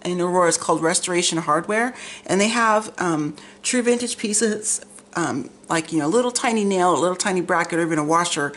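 A woman with a lowish voice chats through a magazine flip-through in a rambling, enthusiastic way. Her words come with slight effort, as though one side of her face is numb from the dentist. The camera mic picks up noticeable background noise. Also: fairly quick, fairly bright tone. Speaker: vlog host. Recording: clear background noise, room ambience.

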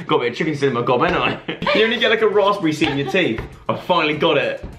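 A young man vlogging casually, excitable and teasing, laughing often. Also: a little high, rapid-fire, music in the background. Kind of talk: casual vlog banter.

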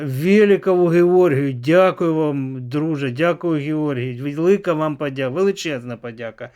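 Slow-spoken man hosting a political vlog. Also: a little high, darkish tone, clean tone. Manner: slow, drawn-out delivery, dropping to a near whisper. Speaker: channel host. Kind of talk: political vlog commentary and donor thanks.

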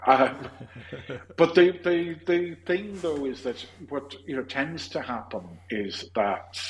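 A man's voice: medium pitch, slow pace, poor audio. An Irish man hosting a casual podcast discussion, opinionated and rambling, restarting his sentences often. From Ireland. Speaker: podcast host.

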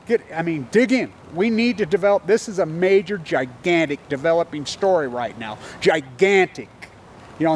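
A man in his fifties delivers a furious, profane rant with a high-pitched voice. He speaks urgently into a phone held at arm's length, standing outdoors. Faint background noise sits under his voice. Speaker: video blogger. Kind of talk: angry selfie rant. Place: outdoors on a campus lawn. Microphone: phone camera at arm's length.

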